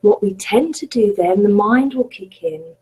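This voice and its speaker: A woman teaching mindfulness in a live webinar, speaking gently and reassuringly as she leads a guided meditation. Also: medium pitch, expressive, a little slow, husky, rough recording. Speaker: mindfulness coach. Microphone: webcam or computer mic on a video call.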